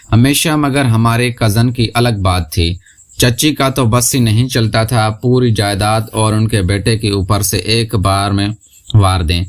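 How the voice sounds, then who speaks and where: A man narrating a scripted first-person story in a steady, unhurried reading voice. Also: on the low side.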